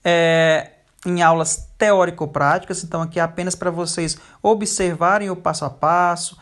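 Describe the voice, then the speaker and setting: A teacher giving a recorded lecture over slides, pausing often with fillers. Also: medium pitch, fairly even intonation, a bit bright. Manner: frequent hesitation fillers.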